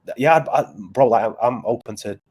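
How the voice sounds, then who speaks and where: This Preston-born man, a battle rapper chatting casually in an interview, has a Northern English accent and a mid-range, husky, darkish voice. He comes across as earnest but halting, with lots of restarts.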